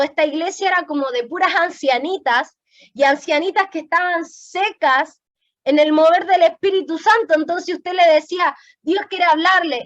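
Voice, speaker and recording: A woman's voice: very high-pitched, fairly bright tone, highs cut off. A woman preaching a sermon, telling an emotional testimony.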